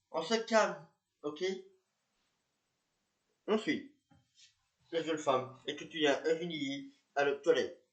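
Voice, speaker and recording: Hesitant man in an echoey room. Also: on the high side. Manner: hesitant, repetitive, many fillers. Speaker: narrator and police officer. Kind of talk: amateur reenactment of police patrol.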